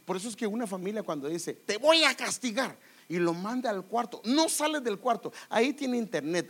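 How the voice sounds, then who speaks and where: A man, a middle-aged pastor, delivers a sermon with lots of energy. His voice sits high and swings widely in pitch. He keeps turning to his listeners directly, calling them brother. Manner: animated preaching, addresses listeners as brother.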